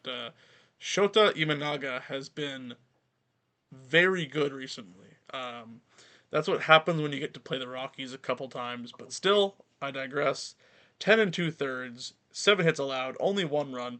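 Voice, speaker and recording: A man's voice: mid-range voice, sharp tone. A young man co-hosting a baseball podcast, chatting casually, reeling off stats and poking fun at himself. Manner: chatty, self-deprecating, rattles off stats. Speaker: podcast co-host. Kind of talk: casual sports podcast chat.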